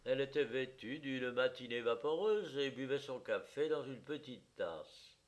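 A man narrating a classic story in a measured, theatrical storytelling manner. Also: mid-range voice. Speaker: audiobook narrator. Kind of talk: scripted literary narration.

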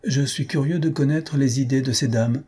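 A man's voice: mid-range voice, moderate pace, dark tone, breathy edge, voice pushed up, close to an everyday voice. Man doing a stubborn, jealous husband. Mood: insistent.

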